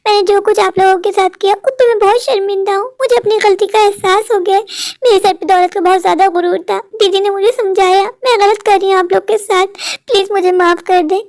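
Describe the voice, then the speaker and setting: A woman's voice: very high-pitched, darkish tone. A woman voicing a repentant young wife in a cartoon story, pleading and apologetic. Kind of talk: dubbed Hindi cartoon story.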